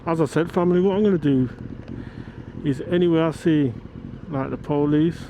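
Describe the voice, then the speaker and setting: A man's voice: a little high, moderate pace, dark tone. A man giving chatty, casual commentary while riding a motorbike, thinking aloud to himself. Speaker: motorcycle vlogger. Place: outdoors, riding a motorbike in traffic. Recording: noisy road, traffic and engine noise.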